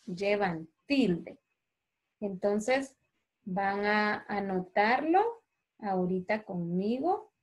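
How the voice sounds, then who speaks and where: Patient woman teaching slowly over video call. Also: mid-range voice, darkish tone. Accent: Honduran Spanish. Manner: patient, slow and clear, calls children by name. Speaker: primary school teacher. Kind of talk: online class teaching.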